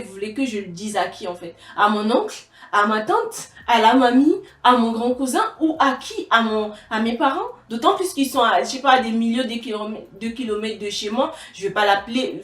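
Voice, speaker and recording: A young woman from Togo telling a personal story to camera in a casual, halting way, with many fillers and restarts. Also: a little high, a bit bright, far from the mic. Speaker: vlogger. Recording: echoey room, voice a bit off-mic.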